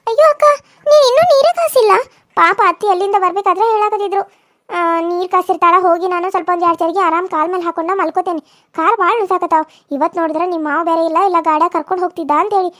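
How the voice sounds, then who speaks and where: A woman's voice: very high-pitched, little pitch movement, rapid-fire, a bit bright, dry recording, clean studio sound. A woman voicing a pampered young sister-in-law, who is chatty and sly and feigns sympathy. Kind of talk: cartoon voice acting.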